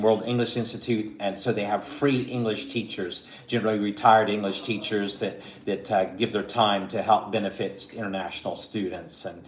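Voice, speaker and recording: A man acting as a mock visa examiner, asking questions with many hesitant fillers and encouraging praise. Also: fairly low pitch. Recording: echoey room.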